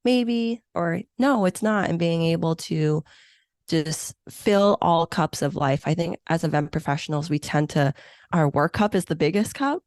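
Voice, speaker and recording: Her voice is lowish and a little mellow, unhurried, recorded dry in a clean studio. This meeting planner in her thirties, born in Hong Kong, raised in the U.S., and a first-language Chinese or Vietnamese speaker, is a guest in a conversational interview, enthusiastic and reflective and using many fillers.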